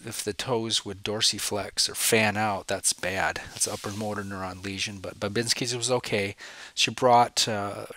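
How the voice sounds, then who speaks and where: Lecturing on spine cases over recorded slides, this professor has a cold and sniffles now and then. He asks the listener questions, then supplies the answers. The man's voice is fairly low and sharp, with no echo.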